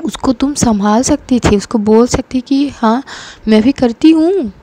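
A woman's voice: fairly high pitch, measured pace, warm tone, dry recording. A woman voicing a stern older sister who lectures and reproaches her younger sibling. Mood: scolding.

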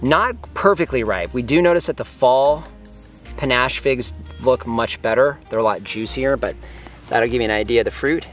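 Out in his orchard, a man gives a relaxed, excited tour of his fruit trees for his homesteading vlog, now and then speaking with food in his mouth. He talks at a moderate pace in a medium voice, with faint music in the background.

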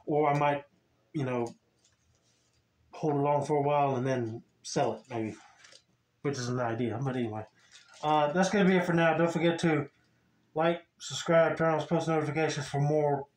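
A man's voice: fairly high pitch, a little mellow. A young man hosting a casual mask review vlog, talking in a rambling, folksy way through a face mask. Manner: rambling, folksy, chuckling between remarks. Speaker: host of a mask review channel.

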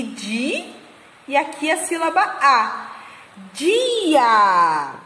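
A Brazilian woman teaching small children to read, spelling syllables slowly and patiently. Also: high-pitched, fairly bright tone, a little hiss or hum. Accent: Brazilian Portuguese. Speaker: kindergarten teacher. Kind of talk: slow phonics lesson for small children. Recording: echoey room with long reverb.

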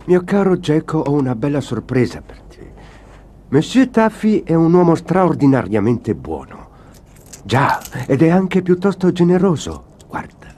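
Un attore che doppia un maestro di musica straniero di mezza età, beffardo e teatrale, in un dramma degli anni Trenta. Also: male voice, a little high, sing-song, a little slow, dark tone. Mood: scheming. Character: sly, mocking middle-aged male music maestro, foreign. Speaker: dubbing actor. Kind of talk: 1930s film drama dub.

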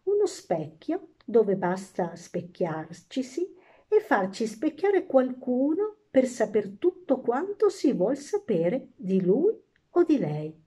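Brief: confiding old nursemaid, voiced by a woman, slow and warm, fairy tale. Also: fairly high pitch, very animated, husky, voice pushed up, exaggerated voice. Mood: coaxing.

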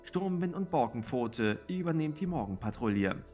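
A man voicing a serious, commanding she-cat clan leader who speaks gravely in a storybook reading. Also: medium pitch, lively intonation, darkish tone, faint music behind, natural voice. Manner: grave, measured.

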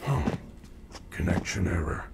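Gentle care robot bear, calm and formal, lively pitch, game audio with some noise. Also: male voice, unhurried, creaky, exaggerated voice. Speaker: video game character. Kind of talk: game dialogue.

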